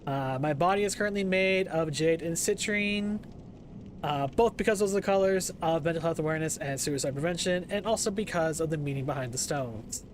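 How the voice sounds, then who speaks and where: A man's voice: on the high side, fairly quick, slight background noise. A man chatting casually on a live gaming stream as its host, playful and jokey with theatrical greetings. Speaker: variety gaming streamer and VTuber.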